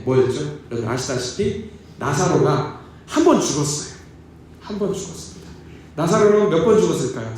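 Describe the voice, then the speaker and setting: A middle-aged male pastor preaching a casual, animated sermon and asking the congregation questions. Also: fairly high pitch, slight background noise. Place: church sanctuary. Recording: echoey church hall heard from a distance.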